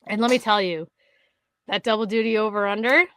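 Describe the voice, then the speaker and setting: A woman from Canada co-hosting a podcast, telling a hunting story in casual chat, animated and swearing, acting out other people's words. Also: mid-range voice, fairly quick, slight background noise. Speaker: podcast co-host.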